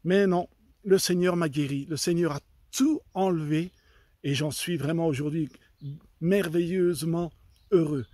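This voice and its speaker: This is a man telling his own faith testimony to listeners, earnest and fervent. His voice sits high for a man, and he often stops, restarts and repeats words. The sound is close and dry, with no room around it. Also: measured pace, a little mellow, no room sound. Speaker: church member giving a testimony. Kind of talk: personal faith testimony told to an audience.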